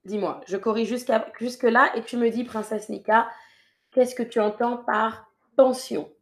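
Woman, French teacher, live-stream lesson, patient, repeats herself, slow delivery. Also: on the high side, fairly even intonation. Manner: patient, repeats instructions slowly to viewers.

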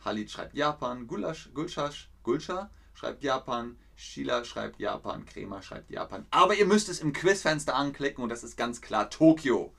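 A young man leads a live language-class quiz, cheering his viewers on and reading their chat messages aloud. His voice sits at an ordinary middle pitch and he laughs often. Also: expressive, moderate pace, vocal fry, hardly any pauses, fairly bright tone. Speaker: German teacher hosting a live class. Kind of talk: livestream quiz lesson.

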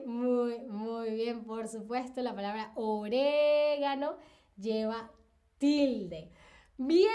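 A woman's voice: sits high, darkish tone. A woman teaching a live-streamed spelling lesson, patient, repeating examples and checking in with the viewers.

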